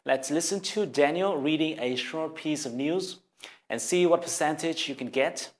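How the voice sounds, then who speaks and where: A native Vietnamese speaker with a Vietnamese accent teaches English in a scripted video lesson. His voice is fairly high and his speed normal. He speaks earnestly and encouragingly, straight to the viewer.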